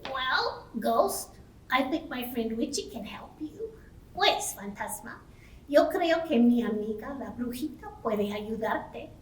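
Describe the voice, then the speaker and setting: A woman's voice: fairly high pitch, expressive, unhurried, a little hiss or hum. A woman voicing a cheerful pumpkin-headed puppet in a bilingual children's puppet show, saying each line in both languages. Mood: sympathetic. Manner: bilingual, repeating each line in Spanish and English. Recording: echoey room, far from the mic.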